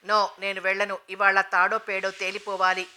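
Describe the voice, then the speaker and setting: A woman's voice: medium pitch, completely flat delivery, normal speed, bright, forceful tone. A woman voicing a stubborn, hot-tempered young wife who speaks sharply and defiantly, in an audiobook novel reading.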